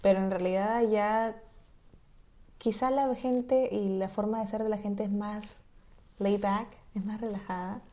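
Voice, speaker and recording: A woman's voice: medium pitch, unhurried. A woman from Peru, a graduate student chatting fluently and at length in a casual conversation. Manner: fluent, talkative, lively storytelling. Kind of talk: casual chat.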